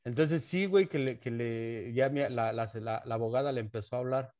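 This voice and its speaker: A man's voice: mid-range voice, fairly quick, a little mellow. A young man with a Mexican accent, telling a story among friends in casual chat. His talk is full of slang and swearing. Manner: slangy and profane, acting out other people's lines.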